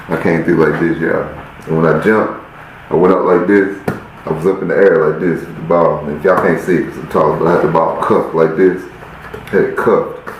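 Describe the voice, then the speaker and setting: A man hosting a podcast, telling a story in a casual way, often turning to his listeners with "y'all" and acting out the scenes as he goes. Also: sits low. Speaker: podcast host. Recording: roomy echo, faint hiss.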